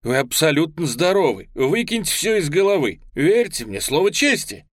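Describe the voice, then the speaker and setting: A man's voice: a little high, very animated, moderate pace, no echo, clean studio sound, pitched above the performer's own voice. A man voicing a kind, anxious doctor who reassures his patient in an earnest, pleading tone. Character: kindly anxious middle-aged male doctor.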